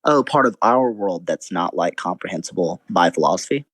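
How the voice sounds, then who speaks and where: Low-voiced man hesitantly thinking aloud. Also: expressive, fairly quick, fairly bright tone, dry recording. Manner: hesitant, thinks aloud with many restarts and fillers. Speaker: debater. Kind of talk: casual philosophical debate over voice chat.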